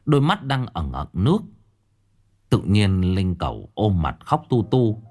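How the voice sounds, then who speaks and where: A man narrating a ghost story in a lively storytelling manner. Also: sits low, unhurried.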